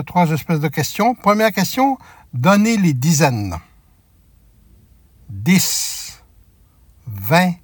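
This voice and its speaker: Slow, dry-voiced man hosting a quiz. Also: on the high side, dry recording. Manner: spells out answers slowly, drawing out key words. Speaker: host of a family quiz segment.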